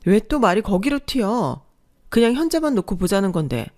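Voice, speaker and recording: A woman's voice: mid-range voice, very animated, normal speed, voice pushed up, lightly acted. A woman voicing an exasperated young wife. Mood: reproachful. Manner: sharp, reproachful. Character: exasperated young mother arguing with her husband.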